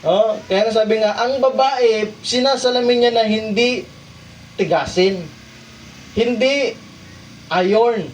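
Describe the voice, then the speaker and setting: A man from the Philippines preaching a sermon, asking the congregation rhetorical questions and swinging between loud emphasis and quiet asides. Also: sits high, slow pace, pauses often, distant mic, low-quality recording. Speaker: pastor. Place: church hall.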